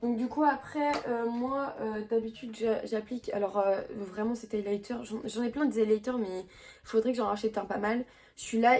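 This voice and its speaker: A woman's voice: a little high, a little mellow. Chatty young woman vlogging her makeup. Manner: chatty, slangy, rambling with many fillers and restarts. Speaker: beauty vlogger. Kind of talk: casual makeup vlog chat. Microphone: camera mic.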